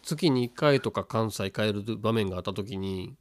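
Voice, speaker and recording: A man's voice: on the low side, normal speed. A man from Osaka with a Kansai accent, hosting a casual late-night style chat and telling stories with lots of laughter. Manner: animated storytelling, laughs often. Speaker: radio-style podcast host.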